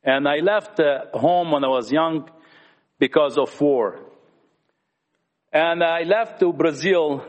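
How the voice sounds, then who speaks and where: A man sharing his personal testimony at a church gathering, talkative and earnest as he speaks to young people. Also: fairly high pitch. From Lebanon. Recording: echoey hall.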